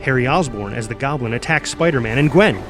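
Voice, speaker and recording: Over music, a man at a table read narrates scripted stage directions in present tense. His mid-range voice is expressive and fairly quick, and his delivery is punchy, clipped and dramatic, with sound words exclaimed.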